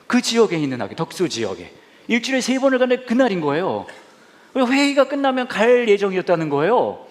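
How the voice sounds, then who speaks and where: A man's voice: high-pitched, fast. A male pastor preaching a sermon, telling a personal story with laughter and acted-out dialogue, at a church service. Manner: animated, laughing, acts out dialogue.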